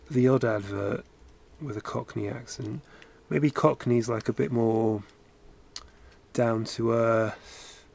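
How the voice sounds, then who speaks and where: Gravelly british guy thinking out loud while he draws, lots of uhs and likes. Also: mid-range voice. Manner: rambling, musing aloud with filler words. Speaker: animation streamer. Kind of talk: casual chat while drawing on stream.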